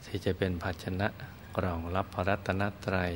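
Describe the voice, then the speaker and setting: A man teaching Buddhist meditation, guiding listeners gently and soothingly in short phrases with long pauses. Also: slight background noise. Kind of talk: guided meditation instruction.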